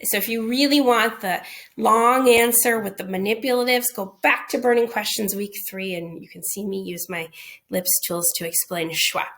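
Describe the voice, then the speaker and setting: A woman's voice: medium pitch, normal speed, a bit bright. Woman teaching a phonics lesson. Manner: explains patiently, often checking with "okay?" and "right?". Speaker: literacy teacher answering questions. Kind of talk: recorded online lesson.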